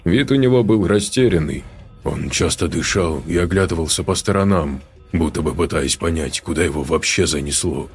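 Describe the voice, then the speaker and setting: A man narrating a story aloud in a steady, measured reading. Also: deep voice, soft background music. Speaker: audiobook narrator. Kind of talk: scripted narration.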